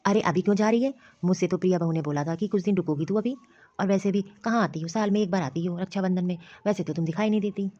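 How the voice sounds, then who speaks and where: A woman's voice: fairly low pitch, fast, mellow, dull audio, lightly acted. A woman doing a fond middle-aged brother. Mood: chiding fondly. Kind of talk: animated cartoon voice acting.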